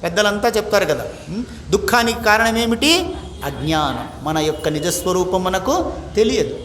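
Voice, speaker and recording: A man teaching as a swami, giving a lively spiritual discourse full of rhetorical questions to his listeners and slowly chanted verses, with English words mixed into his talk. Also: sits high. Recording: echoey room, faint background noise.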